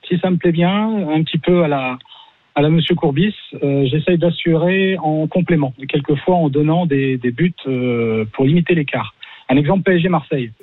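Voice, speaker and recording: A man's voice: on the high side, moderate pace, no echo. A man calling into a radio show, polite and a little hesitant. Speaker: listener caller. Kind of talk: phone call on a radio show. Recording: tinny phone line.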